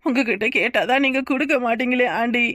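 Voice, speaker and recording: A woman's voice: fairly high pitch, fast, bright, forceful tone, no echo, clean studio sound. A woman voicing a whining, sly cartoon daughter-in-law. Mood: pleading. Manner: tearful pleading, repeats "aunty". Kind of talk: cartoon voice acting.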